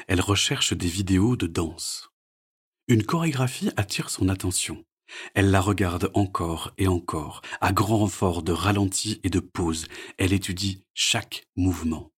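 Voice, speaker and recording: A man narrating a children's storybook read-aloud in an expressive, soft storytelling manner, with a breathy voice. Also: low voice.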